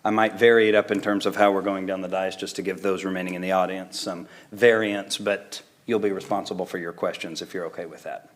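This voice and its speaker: Speaking into a dais microphone in an indoor council chamber, a man with a deep, steady voice chairs a public meeting a little fast. His manner is informal, conversational and accommodating.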